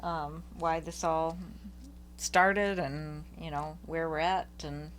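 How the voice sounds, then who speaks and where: A woman co-hosting a podcast in casual chat, playful and quick to laugh. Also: sits low, little pitch movement, a little hiss or hum. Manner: giggly, playful. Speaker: podcast co-host.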